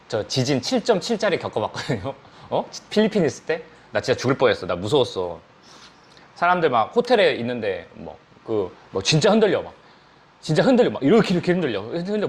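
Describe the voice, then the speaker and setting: A man teaching an English lesson in a lively lecture, telling a story and acting out the voices of people in it. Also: mid-range voice. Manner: animated, acts out quoted voices.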